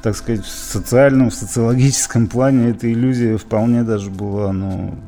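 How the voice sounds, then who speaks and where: A man's voice: medium pitch, steady tone, fairly quick, warm tone, faint music behind. A man from Izhevsk, Russia, a musician being interviewed, talking in a rambling way with many fillers and restarts. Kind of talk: casual interview reminiscing.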